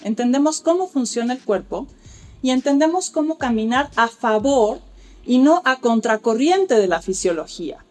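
A woman's voice: fairly high pitch, lively intonation, normal speed, a little mellow. A woman, speaking as an expert guest and explaining childbirth care in an articulate, lecturing way. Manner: articulate, lecturing, acts out quoted dialogue. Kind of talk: explanatory interview talk.

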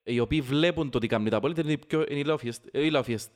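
A man with a Cypriot Greek accent talking football casually, opinionated and emphatic, repeating phrases to drive his point home. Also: mid-range voice. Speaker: football fan podcast host. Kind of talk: casual heated football discussion.

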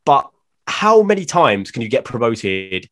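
Casting: lively male co-host, blunt opinions, quick laughs, pitch swinging up and down. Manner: animated, blunt, laughs often. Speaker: podcast co-host. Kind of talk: casual football chat.

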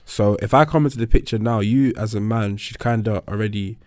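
A man's voice: lowish voice, fairly even intonation, brisk, a little mellow, no room sound, studio quality. A young man with a London roadman accent and slangy turns of phrase, giving his opinions in a casual group discussion. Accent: London, urban roadman slang.

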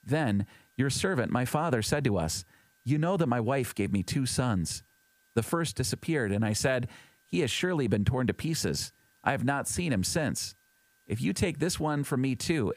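A man reading scripture aloud in a measured, even way, giving quoted speech in his plain voice. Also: fairly low pitch, no echo. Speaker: scripture reader. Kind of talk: steady scripted Bible reading.

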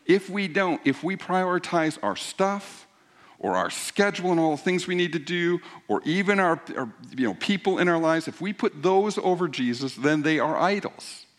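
A man's voice: on the high side, expressive, moderate pace. Conversational male pastor preaching. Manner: conversational, explanatory teaching with rising emphasis. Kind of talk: sermon. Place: church.

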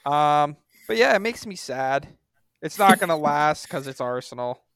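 A man's voice: on the high side, expressive, measured pace, fairly bright tone, clean tone, dry recording. A man co-hosting a sports podcast with casual banter and a wry, dismissive fan's manner.

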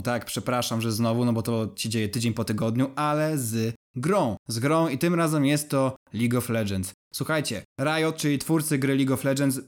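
A young man co-hosting a casual podcast, chatty and laughing often. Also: medium pitch. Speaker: podcast co-host.

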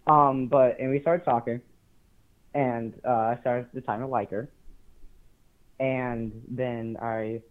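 A man's voice: mid-range voice, fairly even intonation, slow pace, pauses often. Nervous young man on a tinny phone line. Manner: hesitant, many ums, nervous laughs. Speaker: caller. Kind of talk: telling a story on a call.

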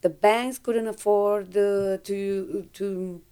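A woman's voice: mid-range voice, clear, resonant tone. Romanian-accented woman in her fifties. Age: 50s. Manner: halting, searching for words, animated retelling. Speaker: guest. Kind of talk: conversational interview.

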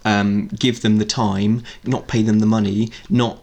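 British guy, lowish voice, chatty podcast cohost, lots of ums and you knows. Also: level tone, a little slow, vocal fry, darkish tone. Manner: hesitant, full of fillers and restarts. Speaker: podcast co-host. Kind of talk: casual political chat.

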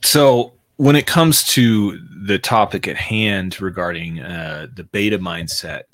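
A man co-hosting a podcast, talking in a loose, excitable, rambling way. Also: deep voice, slow, no room sound, studio quality. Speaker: podcast co-host. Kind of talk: casual chat.

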